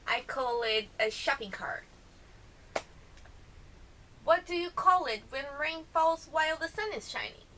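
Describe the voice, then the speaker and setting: A woman with a Brazilian accent and native Portuguese talks casually in a fairly high, very bright voice. She reads questions and answers them at an unhurried pace, correcting herself and wandering into asides. A faint hiss sits behind her. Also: animated.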